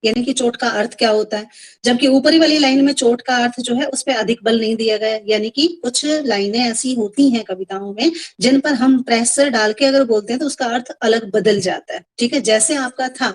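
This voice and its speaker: Lady teacher on an online class, fairly high voice, keeps repeating examples, calls the kids beta. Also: moderate pace, rough recording. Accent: Indian Hindi. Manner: mixes English words into Hindi explanation. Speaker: school Hindi teacher.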